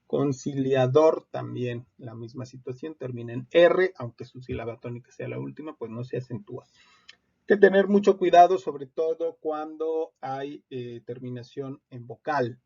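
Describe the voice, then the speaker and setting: In a recorded legal-writing lesson, a male instructor with a gravelly, creaky, medium-pitched voice explains rules in a steady, explanatory manner, pausing often on "eh." The audio sounds dull and lo-fi.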